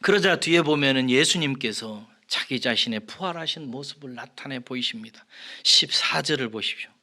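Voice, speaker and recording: A male pastor giving an expository sermon, asking the congregation questions and answering them, swinging from loud emphasis to soft, whispered lines. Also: medium pitch, moderate pace.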